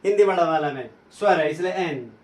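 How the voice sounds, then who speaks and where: A man teaching an English grammar lesson, asking questions and answering them himself while repeating sounds slowly. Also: fairly high pitch, expressive, darkish tone. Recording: echoey room, from a distance.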